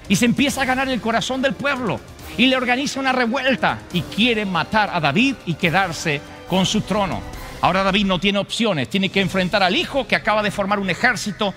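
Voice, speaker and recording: A male preacher retelling a story in a sermon, dramatic and acting out the voices. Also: high voice. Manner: dramatic, acts out voices, shifts loud and soft.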